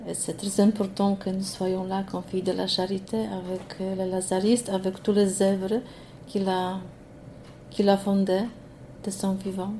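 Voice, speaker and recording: A woman's voice: mid-range voice, flat delivery, unhurried, dark tone, slight background noise. A nun with a Polish accent, whose first language is Polish, introducing her community in a radio interview, speaking plainly and earnestly.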